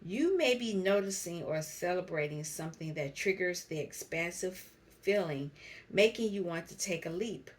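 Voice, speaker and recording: A woman giving a spiritual card reading to camera, speaking slowly and reflectively and reading card meanings aloud. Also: on the low side, lively intonation. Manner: slow, reflective, reads card text aloud. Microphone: camera mic.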